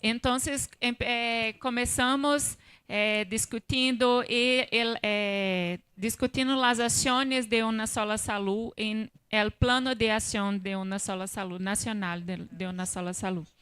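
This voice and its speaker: A woman from Brazil with a Brazilian accent, a native Portuguese speaker, speaking on a panel in a halting mix of Spanish and Portuguese, searching for words. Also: a little high, fairly even intonation, fairly bright tone, smooth, dry recording. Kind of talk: panel presentation.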